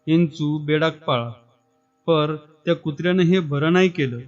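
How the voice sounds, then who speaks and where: A man puts on a proud village watchman, rough-spoken and threatening. The voice is a little high for a man. The recording is dull with faint music behind. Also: measured pace, close to an everyday voice.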